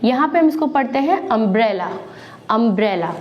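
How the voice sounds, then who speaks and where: A woman teaching English pronunciation at a whiteboard, speaking slowly, spelling out words and examples, with fillers and self-corrections. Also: on the high side, lively intonation, highs cut off. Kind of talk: classroom lesson at a whiteboard.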